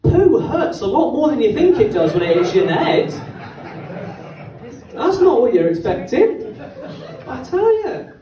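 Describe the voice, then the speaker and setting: A man's voice: very high voice, very animated, moderate pace, crowd noise. A young man doing a stand-up set in a comedy club, rambling and self-deprecating, with stumbles and restarts into a handheld microphone. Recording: roomy club sound from a distance.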